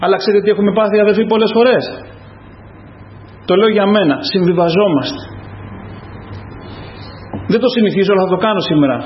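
A man's voice: sits high, pauses often, a little hiss or hum. A man preaching a fervent sermon as pastor, calling out to the congregation again and again. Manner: fervent, repetitive calls to the congregation. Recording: echoey, dull lo-fi church recording.

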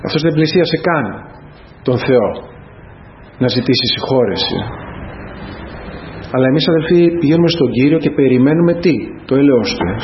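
A man preaching a sermon to a congregation, speaking earnestly and addressing them again and again as brothers. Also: fairly high pitch. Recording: dull lo-fi sound with faint noise.

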